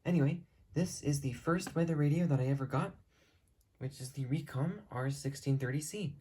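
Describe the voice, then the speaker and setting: At a moderate pace, a mellow, husky mid-range voice narrates a loose show-and-tell from a room at home. The hobbyist creator stays behind the handheld camera, rambling and backtracking as they go.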